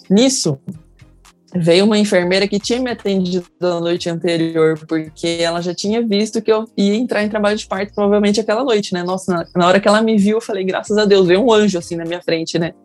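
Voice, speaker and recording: A woman's voice: mid-range voice, darkish tone, no echo. Emotional Brazilian woman telling a story. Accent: Brazilian Portuguese. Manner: emotional, acts out quoted people in raised voices. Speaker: mother sharing her birth story. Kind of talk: casual personal storytelling.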